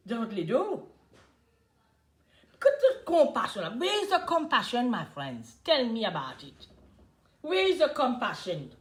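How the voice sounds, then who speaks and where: An older woman from Mauritius with a Mauritian accent, chatting casually to her viewers in a somewhat high voice. She tells her stories in an animated way, swinging between loud and soft. The room around her gives a noticeable echo. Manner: lively storytelling, often breaks into laughter, swings between loud and soft. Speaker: live chat host. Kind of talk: casual Creole live chat. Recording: roomy echo.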